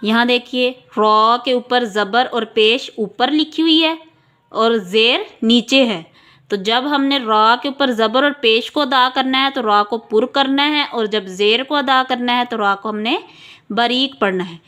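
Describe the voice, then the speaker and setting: A woman teaching a reading lesson, who asks each question and then answers it, drawing out each sound slowly. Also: fairly high pitch, fairly bright tone. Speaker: Quran teacher. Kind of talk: slow, patient teaching.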